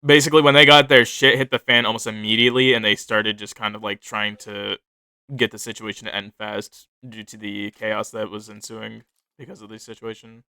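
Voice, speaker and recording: A man's voice: on the low side, flat delivery, brisk, bright, forceful tone, smooth, no room sound. A man casually reading his own fiction notes aloud, rambling, correcting himself and swearing freely.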